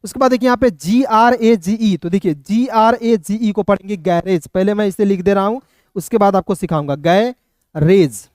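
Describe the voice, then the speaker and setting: This online pronunciation lesson features a man whose voice sits high and sounds a little mellow, captured with studio quality and no echo. Treating his viewers like friends, he repeats every word and slowly sounds out each letter.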